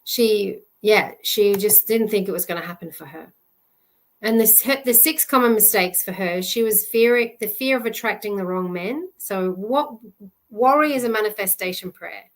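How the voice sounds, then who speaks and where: A woman love coach giving a live presentation in an earnest, halting way, often restarting her sentences. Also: medium pitch.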